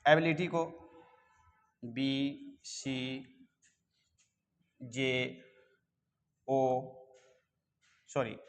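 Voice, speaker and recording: A man's voice: mid-range voice, extremely slow, long pauses, in a large hall. A man teaching a reasoning class in a coaching classroom, coaxing his students and checking often that they follow. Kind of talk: classroom lecture.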